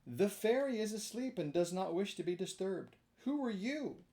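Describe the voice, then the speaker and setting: Storybook snail voiced by the reader, female, calm, peaceful, slow, slightly raised, mellow. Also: mid-range voice, pitched above the performer's own voice, close to an everyday voice. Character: calm, unhurried female snail at a fairy's house. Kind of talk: storybook reading.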